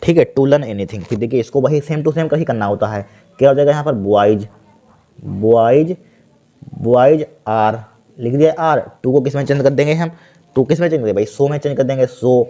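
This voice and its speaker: A man runs an exam-prep grammar lesson in a dark, mellow voice. He spells out answers word by word as he writes them. He keeps asking the class what comes next, then answers himself. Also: mid-range voice. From India. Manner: repeats words slowly while writing, asks and answers himself. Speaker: teacher.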